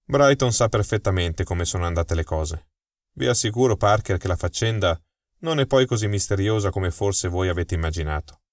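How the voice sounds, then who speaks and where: A man's voice: sits low, lively intonation, normal speed, no room sound. A man voicing an unflappable detective. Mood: unruffled. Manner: unflappable, dry chuckle. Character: calm, amused older male detective. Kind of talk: audiobook dialogue.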